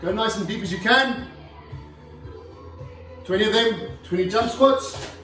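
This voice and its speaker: A man's voice: sits high, unhurried, bright, forceful tone, far from the mic, soft background music. A man coaching a home leg workout, demonstrating each exercise as he talks and sometimes running out of breath. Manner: instructive, demonstrating while talking. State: out of breath at times. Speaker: fitness trainer. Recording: echoey room, voice from afar.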